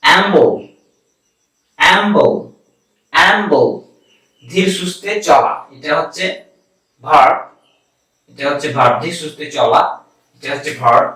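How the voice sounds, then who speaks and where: A man with a Bangladeshi accent teaching an online English pronunciation class. He says each word slowly several times and then gives its meaning. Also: a little high, bright, forceful tone, very echoey, recorded from a distance, poor audio. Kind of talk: online language lesson.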